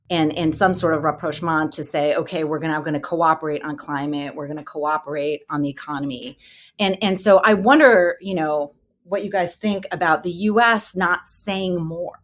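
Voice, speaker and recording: A woman speaking off the cuff on a political panel, earnest and questioning as she builds her points. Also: mid-range voice. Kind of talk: unscripted political panel discussion.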